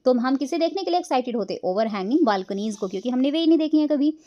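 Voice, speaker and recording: A woman teacher explaining a school textbook lesson, mixing Hindi and English and reading English lines slowly before explaining them. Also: sits high, expressive, mellow, highs cut off.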